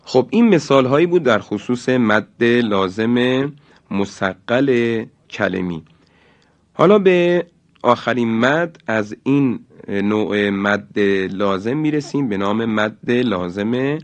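A man teaching Quran recitation rules in a slow, deliberate lesson, stretching out example words. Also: medium pitch, animated. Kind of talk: religious lesson.

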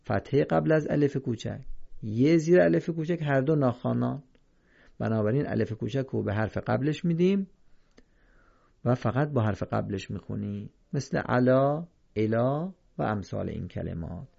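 Gravelly, dark-voiced male teacher. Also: mid-range voice, lively intonation, highs cut off. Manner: slow and careful, repeats examples, stresses correct versus wrong readings. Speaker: Quran reading teacher. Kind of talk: recorded lesson on Quran recitation rules.

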